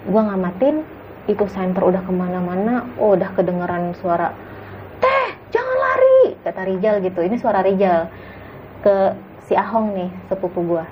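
A woman casually recounting a frightening night hike as a guest, in a hushed, suspenseful way, acting out what people said. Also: lowish voice, steady tone, moderate pace, muffled recording, a little hiss or hum. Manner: hushed, suspenseful retelling with acted quotes. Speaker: guest storyteller. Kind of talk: casual story of a spooky hike.

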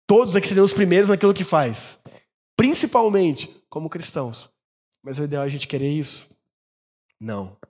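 A man's voice: on the high side, a little mellow. A male pastor preaching a sermon, telling stories and acting out the people in them. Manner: storytelling, acts out quoted dialogue. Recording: long church reverb.

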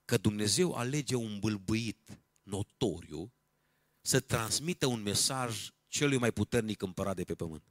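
A man preaching a lively sermon as pastor, acting out voices and dropping to a hush for emphasis. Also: fairly low pitch, no room sound. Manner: animated, acts out voices, drops to a hush for emphasis. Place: church hall.

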